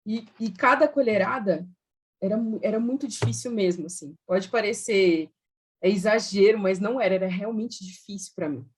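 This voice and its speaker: Woman, from Brazil, personal testimony, husky edge, lively storytelling, laughs a lot. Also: medium pitch, normal speed. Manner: animated storytelling, laughs often, many fillers. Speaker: testimony guest.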